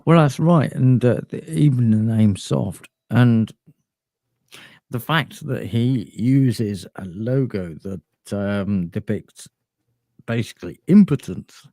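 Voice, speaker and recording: A man's voice: mid-range voice, takes it slowly, warm tone, no room sound. A man hosting a comedy podcast, rambling and boastful, with lots of fillers and ironic asides. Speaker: podcast host.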